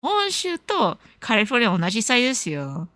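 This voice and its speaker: A young Californian woman hosts a livestream, casually answering viewers while switching between Japanese and English and laughing often. Her fairly high voice swoops wildly in pitch and is bright and forceful, a little fast, recorded at studio quality with no echo.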